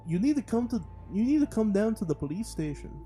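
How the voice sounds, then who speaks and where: A worried, stern cop speaks in a muddled, wavering foreign accent, as an amateur man puts it on. It is a podcast story reading. Soft music plays behind. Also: sits high, very animated, fast. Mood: worried, serious. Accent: put-on muddled foreign accent. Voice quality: odd wavering put-on accent. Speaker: guest voicing a character.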